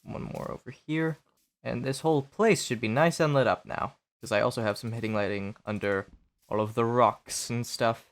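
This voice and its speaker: A man who sounds sick, hosting his gaming channel with easygoing, rambling gameplay commentary full of pauses. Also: medium pitch, fairly even intonation. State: sick, stuffy voice.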